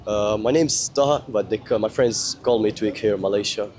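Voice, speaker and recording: A man's voice: fairly low pitch, moderate pace, a little mellow. A man from Tunisia, a student, answering street interview questions in a laid-back, hesitant way. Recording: outdoor street with crowd chatter.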